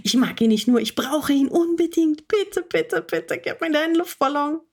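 A woman's voice: sits high, big pitch swings, moderate pace, voice pushed up. Frieda, a woman voicing an eager, pleading pet cat. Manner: pleading, then firmly promising. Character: devoted female house cat, eager and loyal.

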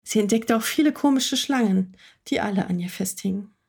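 Breathy woman reading a children's story. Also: mid-range voice, brisk. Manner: calm reading, dropping to a whisper at tense moments.

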